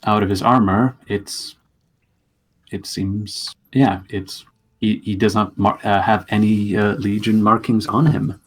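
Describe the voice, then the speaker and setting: Running a tabletop role-play as game master, this man speaks in a low, husky voice. He narrates at a slow, deliberate pace with dramatic pauses between phrases, though his delivery stays flat.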